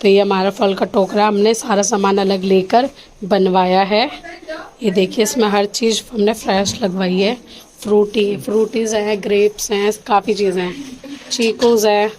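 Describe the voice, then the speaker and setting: In poor audio, a young vlogger with a sore throat speaks in a mid-range, darkish voice at a moderate pace with fairly even intonation. She chats casually to her viewers in a family vlog, holding items up to the camera one at a time.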